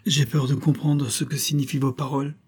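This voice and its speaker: A cunning suspect, voiced by a man reading aloud, protests his innocence in a theatrical, pleading way. The voice is husky and dark-toned, and his indignation is put on for show. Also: mid-range voice, level tone, brisk, pitched above the performer's own voice. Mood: feigned outrage. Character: cunning male suspect feigning outraged innocence.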